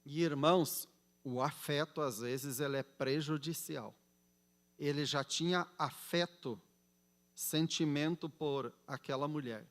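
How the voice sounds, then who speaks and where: A man preaching a sermon, telling a story with soft asides and loud emphatic peaks. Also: a little high, a little slow. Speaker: pastor.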